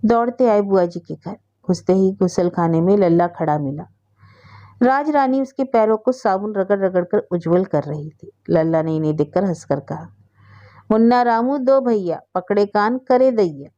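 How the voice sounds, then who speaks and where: A woman narrating a story aloud in a steady, expressive storytelling manner. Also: lowish voice, moderate pace, highs cut off.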